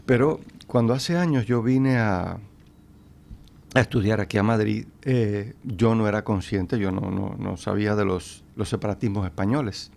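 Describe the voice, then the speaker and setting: A man's voice: fairly low pitch, normal speed, vocal fry, a little mellow. A man with a Cuban accent, a guest in a radio interview, speaking with many hesitations and restarts. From Cuba.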